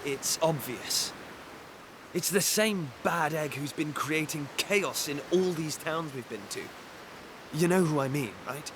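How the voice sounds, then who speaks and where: A man's voice: a little high, background noise. A man playing a blunt, impulsive young prince in a video game, speaking expressively and informally. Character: young prince, impulsive, outspoken, loyal adventurer. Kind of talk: video game cutscene voice acting. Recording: game music behind.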